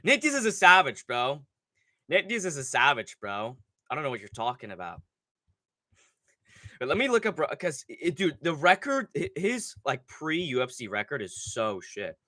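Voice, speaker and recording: On a casual livestream, a young host with a cold-clogged, nasal voice rambles and swears excitedly through his fight picks. His pitch is fairly high and his pace moderate, captured cleanly in the studio without echo.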